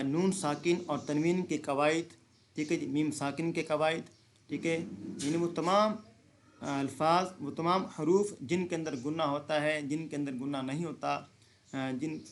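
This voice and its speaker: Slow, patient male recitation teacher. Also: fairly high pitch, a little hiss or hum. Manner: explains rules then recites words slowly and drawn out; asks and answers his own questions. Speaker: Quran reading teacher.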